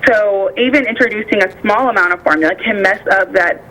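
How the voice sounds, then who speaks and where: An American nutritionist joins by phone, talking informally and acting out imagined quotes to make her points. She has a mid-range voice and a brisk pace, sounding bright over the phone line.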